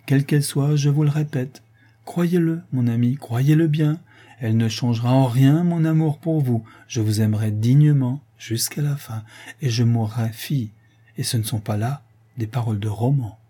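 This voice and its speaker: A man voicing a young fiancée who speaks softly but firmly, with solemn resolve, in a read-aloud novel. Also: mid-range voice, normal speed, husky, lightly acted. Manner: soft yet resolute, solemn. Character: young woman, gentle but firm fiancée.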